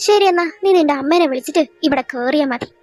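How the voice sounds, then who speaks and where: A young woman voicing a strict female schoolteacher who loudly scolds a student, in a fan audio drama. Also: extremely high pitch, steady tone, very fast, crowd noise. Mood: scolding. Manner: loud, scolding, interrogating.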